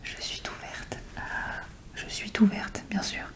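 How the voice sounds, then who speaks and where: A woman doing informal, soft-spoken ASMR show and tell in a breathy whisper, close and intimate as if right in the ear. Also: a little slow. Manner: informal, chatty. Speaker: ASMR video creator.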